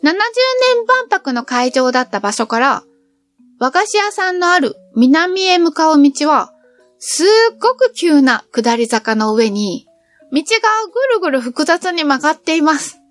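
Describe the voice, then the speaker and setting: A middle-aged woman tells of her travels in a cheerful, chatty way. Her voice sits high and moves in lively, animated swoops. Faint music plays under the narration. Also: unhurried, no room sound. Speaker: travel vlogger.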